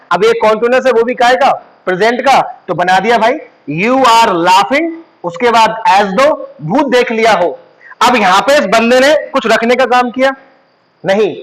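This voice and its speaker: A man teaching an online grammar lesson, explaining step by step and often checking that students follow, slowing down to say the English example sentences. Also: extremely high pitch, a bit bright, rough recording. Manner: slows right down when saying English example sentences.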